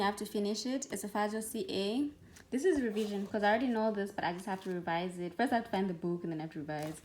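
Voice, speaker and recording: A woman in her twenties, a medical student, chatting in a bubbly, rambling vlog with quick asides. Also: medium pitch, a little hiss or hum. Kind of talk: casual vlog chat. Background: loud music from another room.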